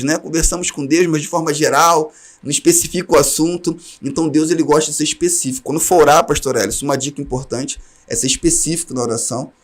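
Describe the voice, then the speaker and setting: Brisk higher-voiced Brazilian man teaching. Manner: earnest advice, speaks straight to listeners. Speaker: teacher trainer. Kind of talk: online class talk.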